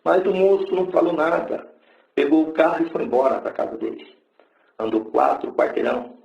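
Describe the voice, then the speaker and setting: A man's voice: on the high side, animated, normal speed, gravelly, a little mellow. A middle-aged man gives a testimony sermon in a church, telling his story in a colloquial, plain-spoken way. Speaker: preacher giving his testimony. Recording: echoey, dull lo-fi recording.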